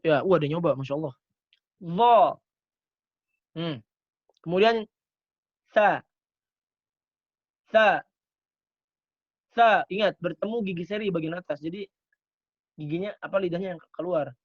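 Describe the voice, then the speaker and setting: A man's voice: fairly high pitch, a little fast, long pauses, no room sound, muffled recording. A man teaching Quran recitation in an online lesson, sounding out Arabic letters in short repeated syllables. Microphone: computer mic on a video call.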